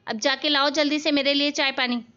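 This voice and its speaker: A woman voicing a spoiled, bossy young married daughter in an animated family story, snapping and shouting orders. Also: high-pitched, fairly quick, muffled recording. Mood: angry. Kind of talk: animated cartoon voice acting.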